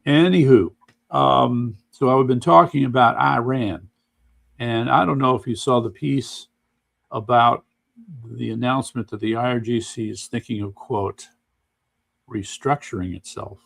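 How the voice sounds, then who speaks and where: Man, gravelly, creaky, casual news chat host, unhurried, dry asides. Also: mid-range voice, steady tone, a bit bright. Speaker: podcast host.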